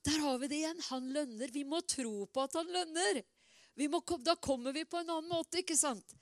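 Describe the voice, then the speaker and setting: A middle-aged woman preaching a sermon in a lively, conversational way, with many asides and repeated words. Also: sits high, no echo, clean studio sound.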